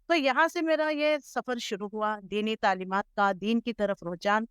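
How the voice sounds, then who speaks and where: Middle-aged woman from Hyderabad, interview guest, earnest measured storyteller, smooth clear voice, dry close sound. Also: fairly high pitch, fairly bright tone, no echo. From Hyderabad, India. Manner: measured, earnest storytelling with English words mixed in. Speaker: interview guest, Islamic scholar. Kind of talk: reflective life-story interview.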